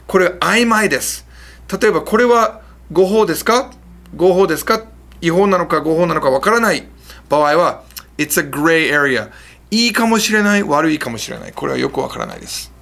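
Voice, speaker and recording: Casual male teacher, lively pitch, a little high, chatty and easygoing. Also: brisk, gravelly. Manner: lively, chatty, fixing his setup mid-lesson. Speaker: English teacher. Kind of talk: casual explanatory lesson.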